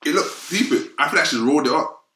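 A man's voice: on the high side, expressive, fast talker, a bit bright. A young man with a London roadman accent, giving his opinions in casual, slang-heavy chat. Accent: London, urban street style. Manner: London roadman slang, frequent "fam" and "innit". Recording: roomy, echoing sound.

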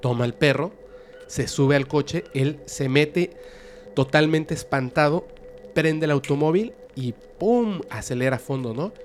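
A man telling a dramatic story in a suspenseful, lively way. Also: fairly high pitch, a little slow, soft background music. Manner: lively, suspenseful, with sudden loud bursts.

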